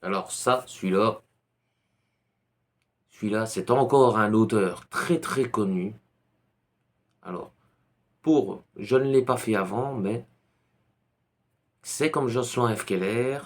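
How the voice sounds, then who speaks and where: Belgian man, belgian french accent, low-pitched voice, unhurried, rambling, full of fillers. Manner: rambling, many hesitations and fillers. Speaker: YouTuber reviewing books. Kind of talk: casual book recommendations.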